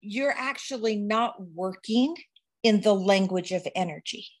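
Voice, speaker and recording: A woman, an energy instructor, teaching on a podcast in a lively way, laughing and quoting herself. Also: mid-range voice, unhurried. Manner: animated, laughs, quotes herself in little voices.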